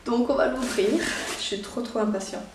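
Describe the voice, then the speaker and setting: A young Belgian YouTuber with a Belgian French accent chatters excitedly through a casual unboxing vlog, rambling eagerly and full of fillers. Her fairly high voice moves at normal speed, but the recording is very noisy, with a distant mic and roomy echo that leave her somewhat off-mic.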